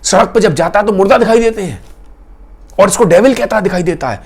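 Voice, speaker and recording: A man's voice: sits high, lively intonation, a little fast, a little mellow, pitched above the performer's own voice. A man voicing a male doctor who emphatically explains a patient's condition to a judge, in a spoken storytelling. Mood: emphatic. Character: earnest male doctor testifying.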